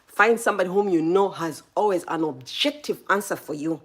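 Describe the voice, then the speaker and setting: Talking fairly quickly in a lowish voice, a woman from Zambia runs a live stream full of motivational advice. She's animated, addresses her viewers directly, and calls out chat members by name.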